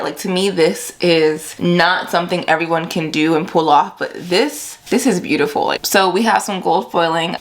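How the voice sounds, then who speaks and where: A young woman with a lowish, slightly bright voice chats casually in her vlog. She's a book vlogger who uses slang and talks to her viewers as if they were friends, keeping it informal.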